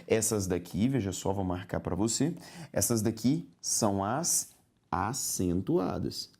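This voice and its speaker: A Brazilian man teaching grammar in a recorded exam-prep lesson, talking straight to the student, spelling out syllables slowly and tagging points with a rising "ok?". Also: lowish voice, expressive, mellow, husky. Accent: Brazilian Portuguese. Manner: didactic, addresses student directly with frequent "ok?".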